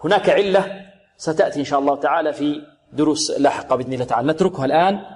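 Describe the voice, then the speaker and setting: A man teaching the rules of Quran recitation in a lesson, asking rhetorical questions, answering them himself, and slowly repeating words to show how they should sound. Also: on the high side, darkish tone. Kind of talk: tajweed lesson, explaining and demonstrating recitation. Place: religious radio program recording.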